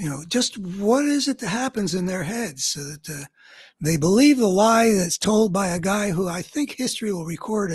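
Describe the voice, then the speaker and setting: Man, husky voice, radio host, political commentary monologue, earnest, thinking aloud, winding sentences. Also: high voice.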